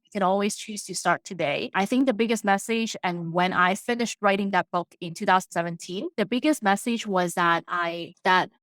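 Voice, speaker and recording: In a dry, studio-quality recording, her voice is mid-range and fairly bright. She's an accountant and author, not a native English speaker, who moved to Canada in her late teens, and in this casual podcast interview she speaks earnestly and plainly with frequent restarts.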